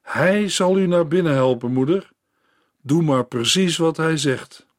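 A man's voice: on the high side, a little slow, no room sound, studio quality, natural voice. A man voicing a poorly dressed young girl who begs urgently for help, reading a storybook tale aloud. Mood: pleading. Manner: begging, urgent. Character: poor young girl, pleading and desperate.

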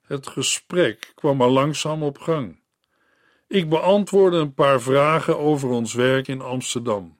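Slow, earnest male Bible narrator. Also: medium pitch, no room sound, clean studio sound. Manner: measured, earnest reading, addresses the listener. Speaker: radio Bible teacher. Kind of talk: scripted story narration in a Bible broadcast.

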